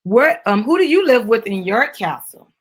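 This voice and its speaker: A middle-aged mother with a slightly husky, rather high voice reads a children's book aloud with her daughter, giving it a dramatic, sing-song delivery at a moderate pace. She breaks off for casual asides, prompting the child and the audience with questions.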